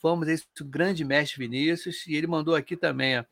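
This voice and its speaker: Male stream host, reads the chat aloud, upbeat asides, a touch high-pitched. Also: brisk, vocal fry. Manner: reads viewer comments aloud, lively asides. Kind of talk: casual live-stream chat.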